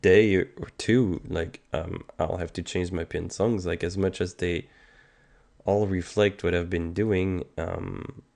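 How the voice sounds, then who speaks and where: With a blocked nose and sore throat, a thirtysomething Canadian music streamer chats casually and rambles. He sits low with fairly even intonation, a slow pace, vocal fry and a slightly mellow quality, while umming and restarting a lot.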